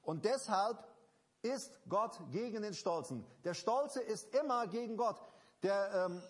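A man's voice: high-pitched, animated, slow pace, slightly rough. A man preaching a sermon to a congregation, emphatic and repetitive, restarting phrases and addressing listeners directly. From Germany.

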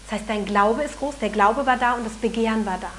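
An earnest woman preaches a sermon with a fairly high voice. She talks in an animated way and sometimes acts out the people she quotes. Faint noise hums underneath the recording. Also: fairly quick, low-quality recording.

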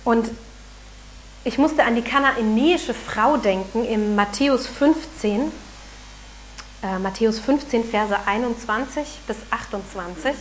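A woman preaching a sermon in an earnest, animated way, sometimes acting out the voices she quotes. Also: on the high side, measured pace, a little hiss or hum, rough recording.

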